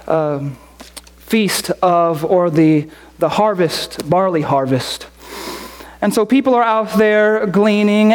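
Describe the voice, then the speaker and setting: A woman preaching a sermon with emphatic repetition and rhetorical questions. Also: on the high side. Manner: slow, emphatic, repeating phrases, rhetorical questions.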